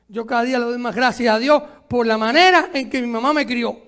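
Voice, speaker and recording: A pastor preaching a sermon, asking the congregation rhetorical questions and drawing words out for emphasis. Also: male voice, very high-pitched, fairly bright tone, smooth. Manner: stretches words slowly for emphasis.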